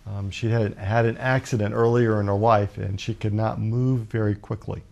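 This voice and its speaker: Man in his fifties, from Alabama, gravelly, mellow tone, measured storytelling, talk show guest. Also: on the low side, steady tone, muffled recording. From Birmingham, Alabama, USA. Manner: measured and reflective, with frequent pauses. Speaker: guest author.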